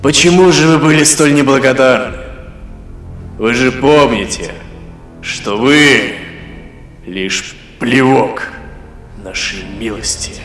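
A man voicing a sardonic ancient god of the underworld, speaking in a slow, sepulchral, sarcastic voice. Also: medium pitch, a bit bright. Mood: menacing, sarcastic. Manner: sarcastic, mocking. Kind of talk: audiobook character voice. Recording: echoey hall reverb with faint music.

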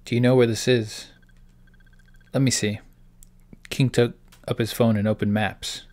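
A man's voice: medium pitch, flat delivery, unhurried, darkish tone. A man, the host of a gaming channel, playing through a story game, reading its text aloud and reacting in puzzled asides. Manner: reads dialogue aloud in a plain voice between puzzled asides.

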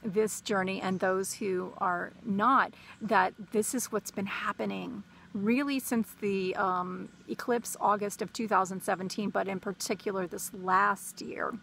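Woman vlogger, gravelly, mid pitch; rambly and sleep-deprived, casual personal monologue. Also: fairly even intonation, unhurried, a bit bright, slight background noise. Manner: rambling, many fillers and restarts. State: short on sleep, caffeinated. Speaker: spiritual vlogger.

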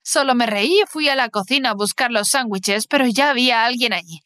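A young woman tells an animated story in first person, in a bright, fairly high voice. The recording is close and dry. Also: brisk, no echo. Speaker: narrator. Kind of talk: scripted narration of an animated story.

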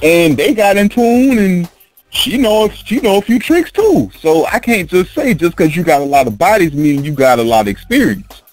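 Lively, rambling man hosting a chat. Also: high voice, moderate pace, faint music behind. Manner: rambling, emphatic, profane, laughs often. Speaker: podcast host. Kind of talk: casual podcast chat.

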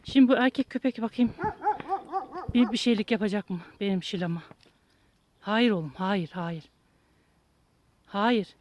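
A woman's voice: mid-range voice, moderate pace, long pauses, a little mellow. A woman on a walk outdoors, chatting casually and calling to dogs in a coaxing, affectionate voice, recorded on a handheld phone. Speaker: vlogger walking her dog. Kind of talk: casual chat, talking to dogs. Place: outdoors on a country path.

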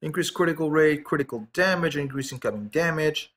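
A man's voice: on the high side, fairly quick, fairly bright tone. A man reading out game skill text and giving casual, offhand commentary on it, with frequent fillers.

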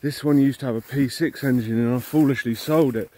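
A man's voice: medium pitch, fairly quick, mellow, dry recording. A man walking around an old machine outdoors, thinking aloud in a casual, rambling way with many ums and restarts, filmed on a handheld phone. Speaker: vintage combine owner filming his machine. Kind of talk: casual walk-around narration. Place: outdoors in an overgrown field beside an old combine.

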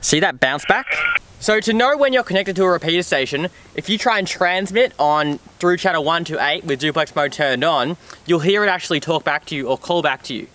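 This twenty-something Australian vlog host speaks to camera beside a 4WD in a dry bush clearing, explaining in a relaxed way. His voice is a little high and a bit bright, with lively intonation and a fairly quick pace.

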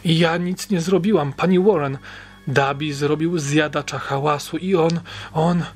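Guy reading a scared teen girl babysitter in an audiobook, high breathless begging, bit husky. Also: fairly even intonation, unhurried, soft background music. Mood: pleading. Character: frightened teenage girl babysitter, panicky.

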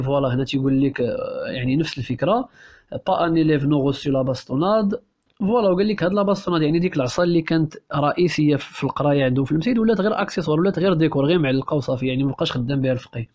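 A man with a Moroccan Arabic accent teaches a French novel for exam preparation, explaining quickly, switching between languages, and restarting often. His voice is on the high side and a little mellow, and the recording sounds muffled.

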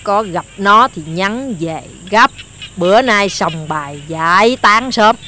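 Stern middle-aged village woman, slow low scolding, faint hiss behind. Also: animated, pushed and bright. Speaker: adult villager scolding children. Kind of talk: film drama acting.

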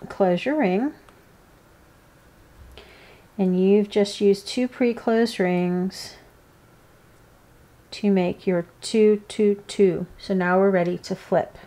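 A woman giving informal, hands-on step-by-step craft instruction, pausing between steps. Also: medium pitch, fairly even intonation, warm tone. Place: indoors, seated at a work table.

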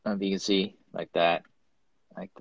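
A man with a lowish voice chats loosely over a live stream from his pottery studio, wandering through his thoughts with many ums and uhs. The audio is dull and dry, like a streamed phone mic. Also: little pitch movement, a little fast, vocal fry, no room sound. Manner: rambling, full of ums while showing his work. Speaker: guest ceramic artist. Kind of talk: casual live-stream chat. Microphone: phone or webcam on a live video stream.

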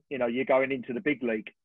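Husky-voiced man on a tinny call. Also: mid-range voice, fairly quick, no echo. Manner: animated, rambling storyteller with frequent throat clearing. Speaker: sports photographer guest. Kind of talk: relaxed anecdotal storytelling on a webinar. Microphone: video call. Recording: tinny, dry video-call audio.

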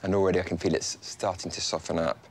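A British man in his thirties, a furniture restorer, calmly explaining his repair work step by step to camera in a wooden workshop. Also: low-pitched, quick pace. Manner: calm, matter-of-fact step-by-step explanation. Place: large wooden workshop, indoors.

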